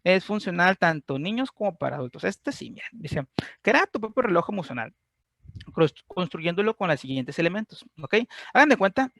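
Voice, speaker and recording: A man's voice: sits high, big pitch swings, moderate pace, creaky, a bit bright. A man with a Mexican Spanish accent giving an informal class on grief, explaining step by step and often checking that his listeners are following. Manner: chatty, constantly checks in with listeners. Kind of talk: informal online class talk.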